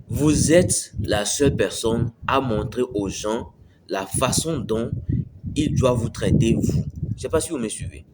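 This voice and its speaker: A man's voice: mid-range voice, very noisy. A man giving a casual motivational talk to camera, repeating his points and checking the listener follows. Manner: conversational, repeats phrases, asks "tu me suis". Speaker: self-improvement video host.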